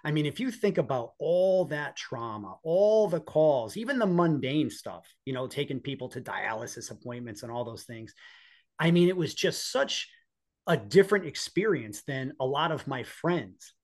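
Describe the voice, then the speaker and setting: With a fairly high, sing-song voice at a moderate pace, a man in his forties tells personal stories conversationally as an interview guest on a podcast. He speaks with an American accent, comes from the northeastern United States, and works as a police officer after serving as an EMT.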